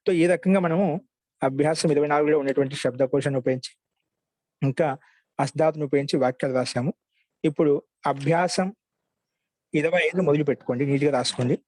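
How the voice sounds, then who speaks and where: A male teacher giving a grammar class, patiently repeating word forms slowly so students can write them down. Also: a little high, steady tone, a little mellow, no echo.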